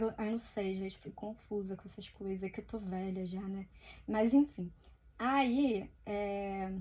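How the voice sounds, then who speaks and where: A woman's voice: mid-range voice, a little mellow, slightly rough. A Brazilian woman with a Brazilian Portuguese accent who tells her story in a chatty, casual way while she draws. She swears now and then and acts out the lines she quotes. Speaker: artist vlogger.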